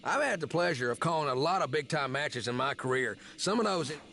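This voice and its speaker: An actor playing a former ring announcer who now hosts a wrestling podcast in a video game. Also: male voice, fairly high pitch, lively intonation, a little fast, bright, forceful tone, a little hiss or hum. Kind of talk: scripted podcast talk.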